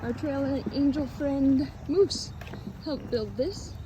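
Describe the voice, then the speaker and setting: Upbeat middle-aged woman, high voice, unhurried, narrating outdoors to a handheld camera with clear background noise. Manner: chatty, upbeat, laughs often. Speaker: family hiking vlogger. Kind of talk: casual trail vlog narration. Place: outdoors on a hiking trail. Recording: noisy outdoor recording.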